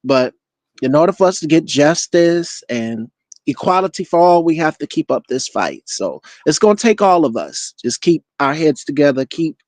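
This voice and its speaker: A man's voice: fairly high pitch, very animated, normal speed, darkish tone, dry recording. A man speaking as a panel guest in casual political talk, encouraging and earnest.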